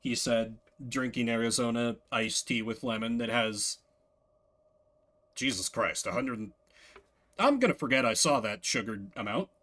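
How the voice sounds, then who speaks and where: Sitting indoors at his desk, a man streams a game and chats casually, rambling through opinionated asides that poke fun at himself. His voice is medium in pitch and fairly bright, and he talks a little slowly.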